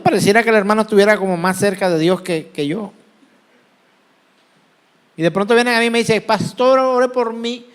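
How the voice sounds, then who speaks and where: A man with a Colombian Caribbean accent preaching a sermon as pastor, asking the congregation questions and answering them himself. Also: sits high. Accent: Colombian Caribbean Spanish.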